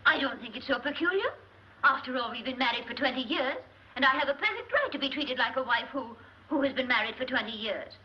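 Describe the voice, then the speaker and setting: High-pitched scolding wife, screwball banter. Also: female voice, lively intonation, quick pace. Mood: indignant. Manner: scolding, plaintive, theatrical. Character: indignant, nagging middle-aged wife of a banker. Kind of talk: old Hollywood screwball comedy banter. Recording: dull, noisy old film soundtrack.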